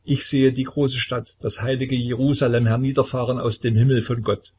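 A man's voice: medium pitch, level tone, moderate pace, a little mellow, slight background noise, natural voice. A man voicing a possessed peasant woman who cries out ecstatic visions in a storybook reading. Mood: awed. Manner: ecstatic, crying out.

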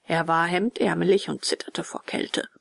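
A sly male fox speaks low and smooth with a mock-courteous politeness, as a woman reading a storybook puts him on. There is a slight gravel in the voice. The sound is close and dry. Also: fairly even intonation, normal speed, no echo.

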